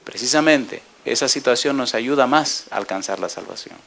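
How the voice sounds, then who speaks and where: A male pastor preaching a sermon, building to fervent peaks and dropping to a hush for the altar call and prayer. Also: medium pitch, animated, moderate pace, gravelly, soft background music.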